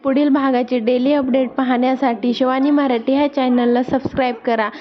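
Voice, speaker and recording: A woman's voice: high-pitched, fairly even intonation, fairly quick. A woman casually retelling a serial episode, quoting each character in turn. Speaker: serial recap narrator. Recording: dull lo-fi recording.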